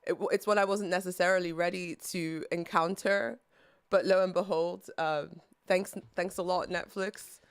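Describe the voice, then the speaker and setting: A woman's voice: lowish voice, fairly even intonation, normal speed, smooth, no echo, studio quality. A woman co-hosting a podcast in casual chat, teasing and wry with her co-host.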